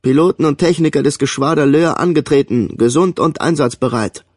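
Brief: male reader playing a dutiful squadron leader, raised pitch, loud and clipped, dry sound. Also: a little fast, husky, no room sound. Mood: dutiful, crisp. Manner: snappy military reporting.

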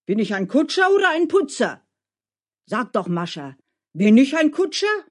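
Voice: sing-song, unhurried. A storyteller voicing a boisterous, hot-headed male coachman who bellows and boasts, in a storybook reading. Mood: indignant. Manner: loud and boastful, rising high in outbursts.

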